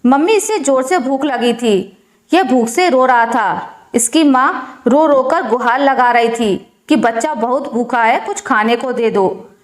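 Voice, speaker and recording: Woman voicing a gentle young daughter-in-law. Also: sits high, a little slow. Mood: pleading. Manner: soft, pleading. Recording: roomy echo.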